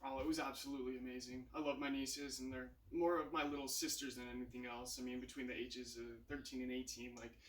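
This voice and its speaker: A man's voice: medium pitch, little pitch movement, fast, few pauses, fairly bright tone. Earnest young man, off-mic and echoey. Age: 20s. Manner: earnest, laughs easily, hesitant fillers. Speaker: interview guest, church volunteer. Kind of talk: casual interview chat. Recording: echoey, distant mic, faint noise.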